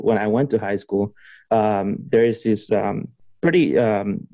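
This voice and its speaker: On a podcast, a young man from Honduras who is a PhD student chats casually, laughing often and rambling through lots of fillers and restarts. His fairly low voice sounds mellow, with no echo.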